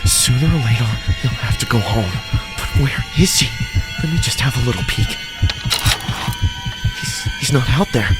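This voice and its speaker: A man voicing a panicky male shoplifter on the run in an animated horror short, frantic and yelling. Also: mid-range voice, normal speed, long pauses, close to an everyday voice. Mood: nervous. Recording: clip with loud background music. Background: music.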